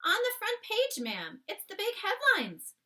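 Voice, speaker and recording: A woman's voice: extremely high pitch, huge pitch swings, measured pace, sharp tone, far from the mic, voice pushed up, full character voice. A woman voicing a flustered, loyal middle-aged palace maid, exclamatory and deferential in a storybook reading. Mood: anxious, urgent. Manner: deferential, exclamatory, addressing her mistress as ma'am.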